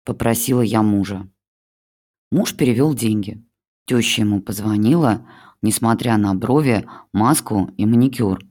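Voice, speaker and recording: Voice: medium pitch, moderate pace, darkish tone. A narrator reading a humorous first-person family story aloud in a wry, ironic manner.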